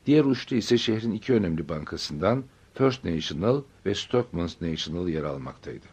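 Male audiobook narrator, low and husky, steady measured storytelling.

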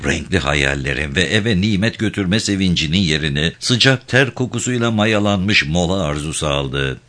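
A man reading a novel aloud as narrator, in an expressive, measured storytelling voice. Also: sits low. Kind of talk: scripted audiobook narration.

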